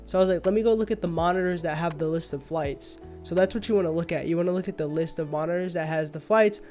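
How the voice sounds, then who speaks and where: Young male streamer, sleepy and rambling, higher-pitched, soft music in background. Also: fast talker. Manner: rambling, drowsy, trailing off. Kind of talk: casual livestream chat. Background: faint music.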